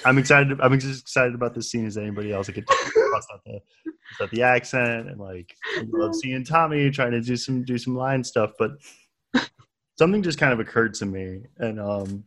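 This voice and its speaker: A man narrating a tabletop game as game master, relaxed and playful. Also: medium pitch, brisk.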